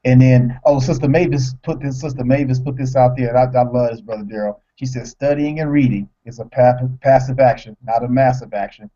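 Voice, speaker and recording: A man co-hosting a live broadcast, talking in an excitable, rambling way and stumbling over words. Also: medium pitch, fairly quick, few pauses, highs cut off. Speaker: co-host.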